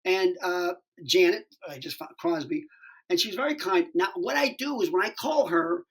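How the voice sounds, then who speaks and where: A man's voice: high-pitched, moderate pace, rough recording. A stand-up comedian in his sixties telling a story as a podcast guest, rambling and profane with lots of restarts. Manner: rambling, animated, profane, many fillers and restarts. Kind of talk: casual storytelling interview.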